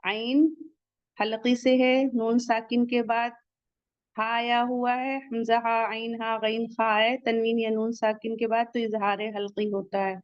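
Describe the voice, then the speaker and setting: A woman teaching the rules of Quran recitation, slowly sounding out each word and then explaining how to pronounce it. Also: fairly high pitch, flat delivery, dry recording, highs cut off. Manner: slow, deliberate, drawn-out recitation of each word.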